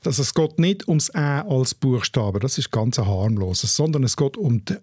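A man's voice: medium pitch, animated, moderate pace, a little mellow, husky, no room sound, clean studio sound. A man with a Swiss German accent, co-hosting a radio show and patiently explaining dialect spelling step by step. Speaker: dialect expert co-host.

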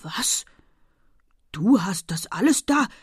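A woman's voice: lowish voice, big pitch swings, normal speed, slightly rough, dry recording, clean studio sound. A woman reading aloud, voicing a fussy middle-aged husband who huffs and splutters in a storybook. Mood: flustered. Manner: huffing, flustered.

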